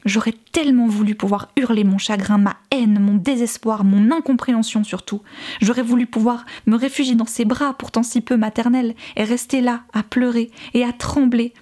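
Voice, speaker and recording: A woman reading a novel aloud in a soft, measured and often hushed voice. Her tone is mellow and warm, pitched a little high. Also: steady tone. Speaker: audiobook reader. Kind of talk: scripted narration.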